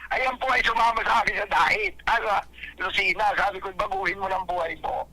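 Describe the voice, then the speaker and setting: An older man calling into a radio program, telling his side in a rambling, halting, pleading way over a phone line. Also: sits high, fairly even intonation, pushed and bright. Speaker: caller.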